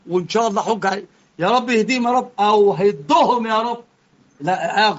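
A man with an Egyptian Arabic accent giving a religious lesson, moving between calm explanation and heated rebuke. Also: high-pitched, muffled recording. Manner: impassioned, swings from quiet explaining to heated rebuke. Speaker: religious teacher.

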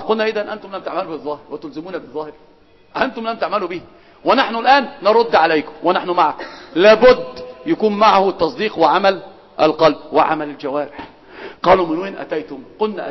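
High, fast-talking Egyptian teacher in a hall. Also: male voice. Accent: Egyptian Arabic. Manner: lively, quizzes the class, swings between loud and soft. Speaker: religious teacher. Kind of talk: religious lesson to students. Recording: dull, hall with long reverb.

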